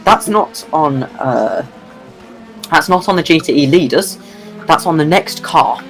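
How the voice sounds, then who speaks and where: Brief: male commentator, running on no sleep, rambling, very animated pitch. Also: a little slow, faint music behind, poor audio. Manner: tired, rambling, self-deprecating. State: sleep-deprived. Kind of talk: sim racing commentary.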